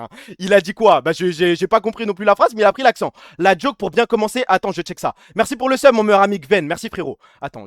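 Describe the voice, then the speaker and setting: A young man chatting on a live stream, fast and slangy with crude jokes and frequent laughs. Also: high voice, a bit bright, dry recording, clean studio sound. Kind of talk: casual live-stream chat.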